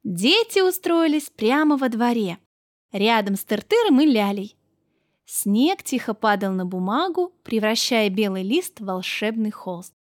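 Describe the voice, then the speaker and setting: A woman narrating a children's story in a warm, gentle storytelling voice with expressive lifts. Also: fairly high pitch, unhurried, no room sound, studio quality.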